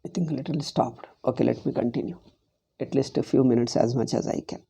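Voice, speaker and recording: A Vedanta teacher with a South Indian accent gives an informal spiritual lecture, stressing his points, repeating phrases and posing rhetorical questions. His medium-pitched voice is very dark, muted and creaky, and he talks a little fast.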